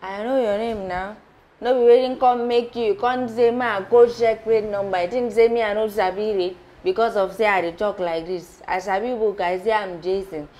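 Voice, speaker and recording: A woman's voice: mid-range voice, fairly even intonation, moderate pace, a little mellow, lo-fi sound, close to an everyday voice. An actress playing a sassy young woman who works in a shop, teasing in Nigerian Pidgin. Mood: coy. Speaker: shop worker. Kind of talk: Nollywood film acting.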